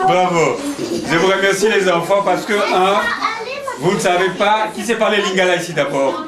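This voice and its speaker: A man's voice: high voice, moderate pace. A man, a singing-school teacher talking with children in class, asking questions, encouraging them and laughing often. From Congo. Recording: echoey room with children's crowd noise.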